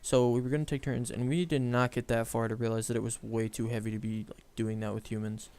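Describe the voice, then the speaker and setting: A man's voice: medium pitch, level tone, quick pace, a little mellow, clean tone. A young man casually telling a story on a chat show, rambling with lots of fillers and self-corrections.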